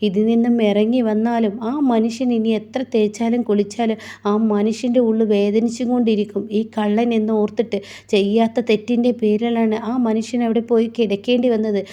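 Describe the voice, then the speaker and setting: A proud, grief-struck mother in a retold TV serial, lamenting in long repeated phrases, as a woman narrator puts her on. The voice is mellow and sits a little high. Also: little pitch movement, normal speed, close to an everyday voice. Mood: bitter. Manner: tearful, lamenting, repeating herself. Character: grieving proud middle-aged mother, wife of a jailed man.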